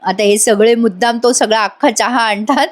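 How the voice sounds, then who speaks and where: A woman's voice: fairly high pitch, normal speed. A woman narrating a voice-over recap of a TV episode, chatting directly to her viewers. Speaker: serial reviewer.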